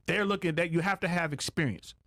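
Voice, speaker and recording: A middle-aged man speaks fast in a sharp, higher-pitched voice, with no echo on the recording. As a retired air traffic controller on a podcast, he's casual and slangy, driving points home through repetition.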